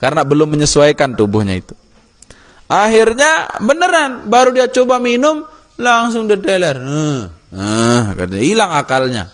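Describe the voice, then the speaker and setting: A male religious teacher tells a moral story to his class, his fairly high voice swooping with expression. He acts out the scenes and stops to quiz his listeners. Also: moderate pace. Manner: animated storytelling, acts out characters, asks the class questions. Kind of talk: Islamic study lesson.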